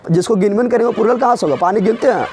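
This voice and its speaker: A man's voice: sits high, very fast. A man teaching an exam-prep grammar lesson, drilling students with repeated questions and teasing them. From Bihar.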